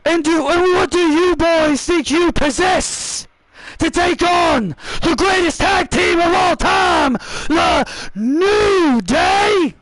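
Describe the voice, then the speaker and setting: A man voicing a brash male wrestler who shouts boastful trash talk at a crowd in a video game promo. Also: very high voice, takes it slowly, dry recording, voice pushed up, full character voice, rough recording. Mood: scornful.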